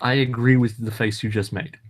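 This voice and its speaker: Male podcast host, mid-pitched, meandering delivery full of ums and restarts. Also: little pitch movement, a little fast. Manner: rambling, hesitant, lots of ums and restarts. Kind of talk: casual chat.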